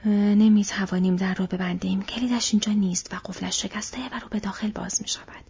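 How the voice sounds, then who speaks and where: A woman whispering the lines of a grave, resolute male ranger leader in whispered role-play, in a breathy whisper. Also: medium pitch, level tone, darkish tone, muffled recording, a little hiss or hum, lightly acted.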